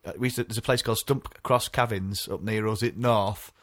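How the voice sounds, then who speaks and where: A man, co-hosting a casual podcast, chatty and quick to laugh as he rambles through memories. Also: lowish voice, fairly even intonation, a bit bright, no room sound, studio quality. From North East England. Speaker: podcast co-host.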